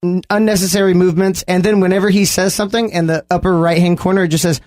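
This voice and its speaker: Man, 30s, high voice, rambling podcast chat, lots of ums. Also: level tone, quick pace, a little mellow. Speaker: podcast co-host. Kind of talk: casual chat.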